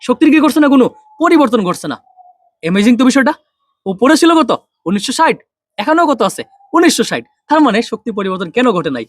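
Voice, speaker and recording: Fast-talking young male physics tutor. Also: very high voice, no echo. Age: young adult. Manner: quick, drills students with repeated questions and answers. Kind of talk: online physics lesson.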